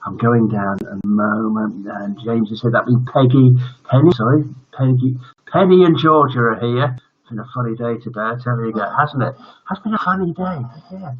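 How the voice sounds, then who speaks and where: An older man hosts a casual children's bedtime story livestream, chatting with viewers in a jokey, rambling way that often trails off. His medium-pitched, slightly rough voice moves at normal speed, captured in dull lo-fi livestream audio.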